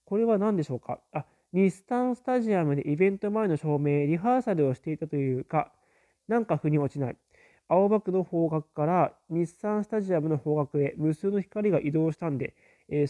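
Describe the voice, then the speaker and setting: A man's voice: a little high, moderate pace, warm tone. A man in a casual live stream, reading viewer comments aloud and musing on them, with many fillers and murmured acknowledgements.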